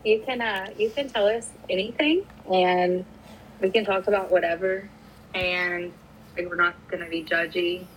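A woman's voice: lowish voice, fairly even intonation, normal speed, a little hiss or hum, low-quality recording. A woman from New York co-hosting a podcast in casual chat, rambling with lots of fillers. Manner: rambling, filler-heavy, friendly. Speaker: podcast co-host.

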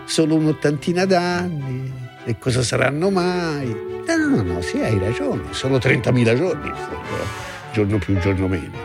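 A man's voice: sing-song, normal speed, vocal fry, music in the background. A man doing a touchy, stubborn unborn boy. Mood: stubborn, indignant. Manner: grumbling, sarcastic, with wide swings in pitch. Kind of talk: children's fairy-tale audio play.

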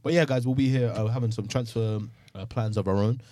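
A man's voice: medium pitch, brisk, mellow, no room sound. A young man with a London accent hosting a podcast in a loose, jokey, slangy chat. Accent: London, urban slang. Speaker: podcast host. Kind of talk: casual chat and sign-off to viewers.

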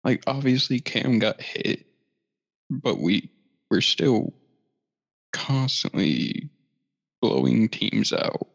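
A man's voice: lowish voice, very animated, slow pace, creaky, pauses often, slightly rough. A man co-hosting a casual sports podcast, laid-back, swearing and laughing as he talks. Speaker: podcast co-host. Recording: roomy echo, dull lo-fi sound.

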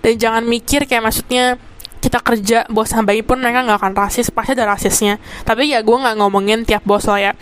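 A woman's voice: fairly high pitch, fairly even intonation, a little fast, smooth. A young woman, telling a story in a casual, slangy chat and often asking if you get it. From Indonesia. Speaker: podcaster.

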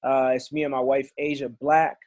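An easygoing guest musician from Belgium and Congo, whose first language is French, tells stories in a friendly way during a casual podcast chat. His medium-pitched, darkish voice has little pitch movement and a normal speed. The studio-quality recording has no echo.

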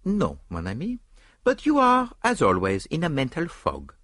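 A dapper, self-assured detective with a French accent. He is courteous and theatrical, coaxing his listener with little interjections. The pitch leaps about in a dry audiobook recording. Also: huge pitch swings, moderate pace, pushed and bright, dry recording, exaggerated voice. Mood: animated, smug. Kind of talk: dramatized audiobook dialogue.

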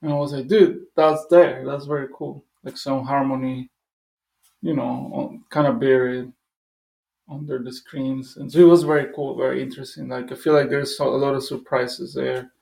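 A man's voice: medium pitch, steady tone, moderate pace, creaky, darkish tone, roomy sound. A man from Costa Rica, a musician guest, talking loosely and eagerly in a casual interview. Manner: loose and enthusiastic, full of "like" and "dude".

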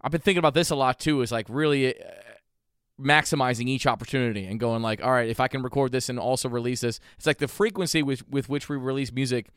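A man hosting a podcast interview, relaxed and thinking aloud as he talks. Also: mid-range voice, fast, clean tone, no room sound, studio quality. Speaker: podcast host. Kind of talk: casual interview chat.

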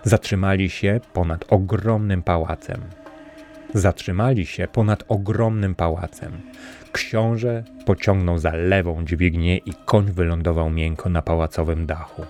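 A man narrating a fairy tale in a measured, steady storybook reading. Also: sits low. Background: faint music.

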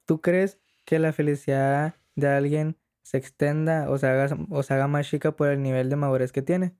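A man's voice: on the high side, fairly even intonation, normal speed, mellow, clear, resonant tone. A young man, hosting a casual, slangy conversation as the interviewer.

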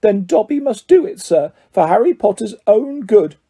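Man voicing a high, anxious little house-elf, Dobby. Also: big pitch swings, moderate pace, vocal fry, warm tone, breathy edge, exaggerated voice. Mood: sad, insistent. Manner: speaks of himself in third person, deferential. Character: small anxious servile male house-elf, pleading and stubborn. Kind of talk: audiobook character voice.

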